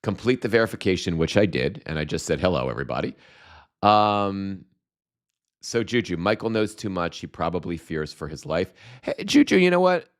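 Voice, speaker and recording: A man with a very deep, smooth, resonant voice, slightly worn by a mild cold, hosts a casual livestream at normal speed with big pitch swings. Reading out viewer comments, he rambles, restarts, and fills his speech with fillers.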